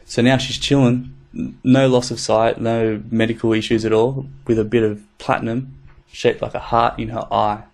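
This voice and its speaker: A man's voice: medium pitch, level tone, normal speed, creaky, a little mellow. A man co-hosting a podcast, chatting casually in a laid-back, rambling way with plenty of fillers and swearing. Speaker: podcast co-host. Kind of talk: casual chat.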